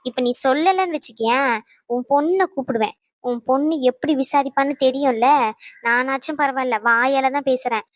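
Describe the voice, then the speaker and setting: A woman's voice: high voice, normal speed, dry recording, clean studio sound, natural voice. A woman voicing a bossy young granddaughter in a cartoon who scolds and threatens her grandmother. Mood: scolding. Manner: scolding, demanding.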